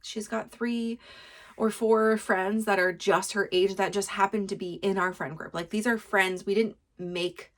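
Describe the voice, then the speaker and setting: A woman's voice: mid-range voice, fairly even intonation, a little slow. A woman in her thirties hosting a podcast, chatting casually in a rambling way with plenty of fillers and small laughs. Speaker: podcast host. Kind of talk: casual solo chat.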